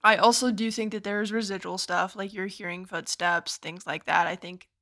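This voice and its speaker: A woman's voice: medium pitch, steady tone, moderate pace, pushed and bright. Young woman musing casually. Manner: reactive, thoughtful, short replies. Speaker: podcast co-host. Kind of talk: casual chat.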